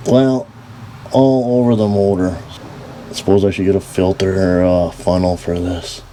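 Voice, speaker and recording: A man's voice: deep voice, fairly even intonation, normal speed, warm tone. A man narrating casually while wrestling with a boat engine, grumbling wryly to himself and strained from the cramped spot. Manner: grumbling, wry, talks to himself while working. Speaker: DIY mechanic vlogger. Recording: noisy workshop recording.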